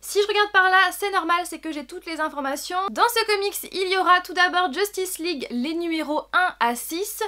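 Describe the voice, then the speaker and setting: A woman's voice: extremely high pitch, normal speed, few pauses, sharp tone. A woman presenting upcoming books in a casual vlog, enthusiastic and often repeating words for emphasis. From France. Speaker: book vlogger. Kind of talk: casual book review vlog.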